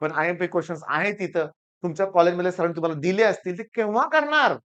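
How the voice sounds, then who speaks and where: A man's voice: high voice, fast, fairly bright tone, clean tone. Stern lecturing male teacher, muffled sound. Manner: stern, lecturing, repeats phrases for emphasis. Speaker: coaching class teacher. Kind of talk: scolding motivational talk to students. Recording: dull lo-fi recording.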